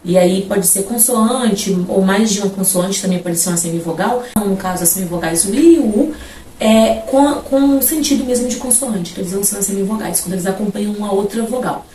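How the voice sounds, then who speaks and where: A woman's voice: medium pitch, dark tone. Woman teacher in a roomy space. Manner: explanatory, repeats example words slowly. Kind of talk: grammar lesson. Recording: roomy, from a distance, faint background noise.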